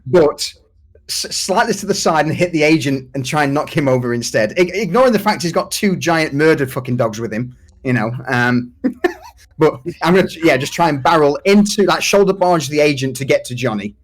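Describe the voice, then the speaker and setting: A man's voice: a little high, expressive, normal speed. A man playing a tabletop game, eagerly describing his character charging in, laughing as he goes. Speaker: player.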